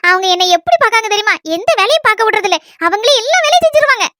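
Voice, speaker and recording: A woman doing a chatty young granddaughter, very high. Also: lively intonation, racing, sharp tone, exaggerated voice. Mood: reassuring. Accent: Kanyakumari Tamil. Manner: chatty, reassuring. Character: cheerful young married granddaughter. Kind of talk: cartoon voice acting.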